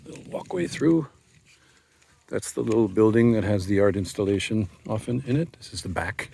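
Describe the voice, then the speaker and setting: A man's voice: fairly low pitch, animated, vocal fry, warm tone, a little hiss or hum. Rambling man on a walking tour. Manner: rambling, many pauses and fillers. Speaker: tour guide vlogger. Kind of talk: casual walking-tour narration. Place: outdoors at a hilltop fortress.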